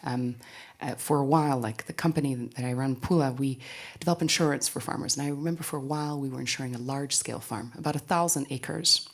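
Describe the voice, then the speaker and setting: A woman's voice: rumbling low, fast talker. A woman who grew up in Tanzania, speaking earnestly and conversationally on a panel. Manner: earnest, conversational, frequent "right?". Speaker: panelist, company founder. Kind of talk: panel discussion.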